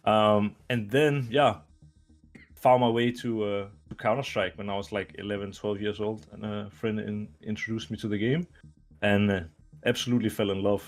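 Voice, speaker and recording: A man in his twenties from Denmark, a retired esports player answering interview questions in a relaxed, rambling way with many fillers. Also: on the low side, normal speed. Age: 20s. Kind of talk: casual video interview.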